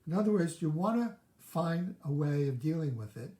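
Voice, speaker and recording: A man's voice: on the high side, animated, moderate pace, warm tone, roomy sound. A man hosting a live self-help show, talking through his own reactions in a candid, reflective way. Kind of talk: live-streamed teaching talk.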